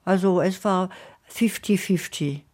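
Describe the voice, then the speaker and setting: A woman, a guest alongside her husband, explains things calmly in a radio interview. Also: on the low side, slow pace. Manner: calm, explanatory, adds to her husband's answers.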